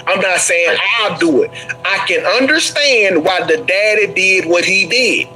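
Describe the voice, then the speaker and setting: Panelist, male; blunt, high-pitched, music underneath. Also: unhurried, poor audio. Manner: blunt, combative. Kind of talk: heated panel debate.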